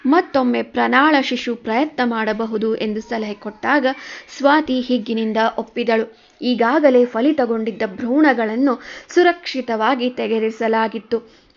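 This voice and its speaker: A woman storyteller giving a measured, emotive scripted narration of a serial story. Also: a little high, highs cut off.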